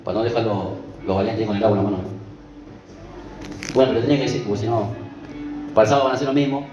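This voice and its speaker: A man's voice: fairly low pitch, steady tone, rapid-fire. Man, sermon, chatty asides to the congregation, roomy church sound, guitar in the background. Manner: conversational, keeps asking the congregation "¿vio?" and "¿sí?". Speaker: preacher. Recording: echoey church with music behind.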